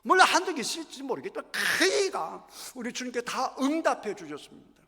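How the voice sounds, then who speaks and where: A man's voice: very high voice, very animated, brisk, bright, forceful tone. A middle-aged male pastor preaching a sermon emphatically in a church sanctuary, acting out scripture scenes with drama. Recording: echoey church hall.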